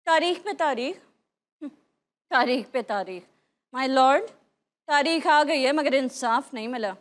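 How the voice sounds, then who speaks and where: An actress putting on the voice of a scheming TV-serial daughter-in-law, with an exaggerated, dramatic delivery in a comic improv game. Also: female voice, high voice, expressive, takes it slowly, a little hiss or hum.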